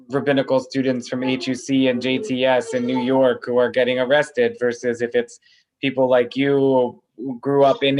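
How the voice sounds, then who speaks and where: A man, a rabbi hosting an online congregation discussion, speaking hesitantly with many fillers. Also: mid-range voice. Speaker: rabbi, host.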